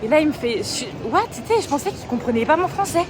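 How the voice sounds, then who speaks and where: A woman's voice: high-pitched, lively intonation, quick pace, a crowd in the background. A young woman from France talking casually to her phone camera while out and about, rambling through stories with casual swearing. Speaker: vlogger. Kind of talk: casual travel vlog. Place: out and about in streets and a station. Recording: noisy background with traffic.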